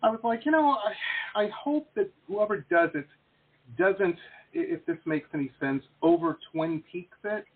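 A man's voice: high-pitched, animated, moderate pace, slightly rough. A man hosting an interview show, chatting casually, enthusiastic and rambling. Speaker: podcast host. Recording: tinny phone-like line.

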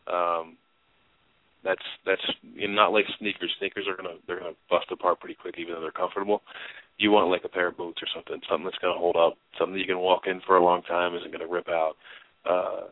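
A man's voice: sits low, level tone, fast talker, dry recording. A man hosting a casual advice chat, stressing key words by repeating them. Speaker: talk show host. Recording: narrow phone-like sound, dry.

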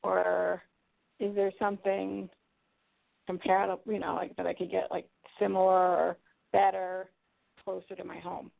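A woman's voice: on the low side, monotone, moderate pace, vocal fry, dry recording. A woman calling in to a radio show over the phone, hesitant and searching for her words. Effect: phone-line voice of a radio show caller. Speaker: caller. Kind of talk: casual phone chat. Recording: tinny, dry phone line.

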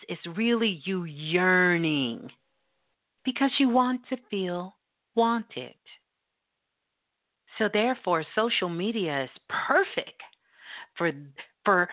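A woman radio host delivering a blunt, emphatic talk monologue with casual swearing. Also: medium pitch. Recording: tinny phone-line sound.

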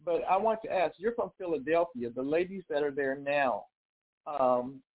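A woman's voice: deep voice, expressive, moderate pace. A woman from Los Angeles calling in to a radio show, polite and hesitant, with many fillers. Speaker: caller. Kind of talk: call-in radio question. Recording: tinny phone line.

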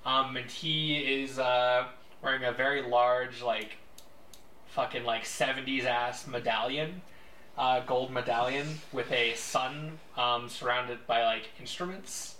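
A man narrates a tabletop game off the cuff. His delivery is slow, halting and informal, with a bright voice slightly far from the mic in an echoey room. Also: mid-range voice, steady tone. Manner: halting, sweary. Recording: echoey room, distant mic, faint noise.

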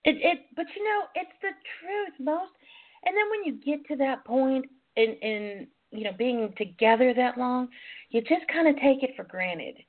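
A woman's voice: high-pitched, expressive, moderate pace. A woman hosting a casual, chatty radio show, talking to listeners in a sassy, playful, familiar way. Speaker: radio talk show host. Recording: lo-fi, tinny phone-line internet radio.

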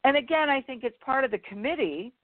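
Frank woman golf teacher, bright high voice, thin phone-line audio. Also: lively intonation, quick pace. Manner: frank, blunt teaching talk. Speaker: golf instructor and co-host. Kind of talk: casual chat. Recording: tinny phone-like sound.

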